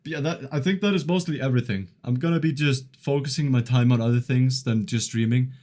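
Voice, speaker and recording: A man's voice: medium pitch, a little fast, darkish tone. Laid-back young man streamer. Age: 20s. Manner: laid-back, chuckles often, filler-heavy rambling. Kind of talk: casual live-stream chat reading chat messages.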